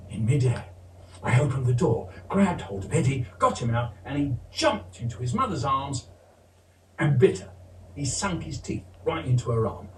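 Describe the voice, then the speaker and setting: A man telling a story in a theatrical way, acting out every character. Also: on the high side. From England. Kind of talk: animated storytelling. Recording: roomy, distant, faint hiss.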